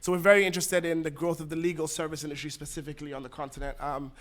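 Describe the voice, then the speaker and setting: A man's voice: fairly high pitch, little pitch movement, very fast. A young man from Ghana, introducing himself as a panelist. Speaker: panelist, lawyer.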